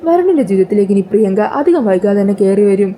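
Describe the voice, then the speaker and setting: A woman reviewing a TV serial episode, retelling the plot in a brisk, chatty storytelling manner. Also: medium pitch, lively intonation, warm tone, a little hiss or hum. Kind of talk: colloquial story recap.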